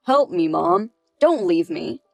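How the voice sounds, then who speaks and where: A woman's voice: fairly low pitch, lively intonation, slow, vocal fry, a little mellow, dry recording, faint music behind, full character voice. A woman's synthetic voice reading the lines of an indebted grown son who begs his mother for help. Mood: pleading. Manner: pleading, apologetic. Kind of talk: text-message story reading.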